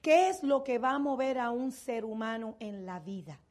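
A woman's voice: a little high, moderate pace, darkish tone. An older woman giving a motivational seminar talk to a business audience. She asks rhetorical questions and then answers them herself.

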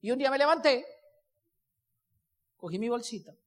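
A man's voice: very high voice, lively intonation, normal speed, a bit bright, long reverb tail. A man with a Colombian accent giving a live motivational talk, telling his story, acting out the dialogue and asking the audience questions. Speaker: motivational speaker.

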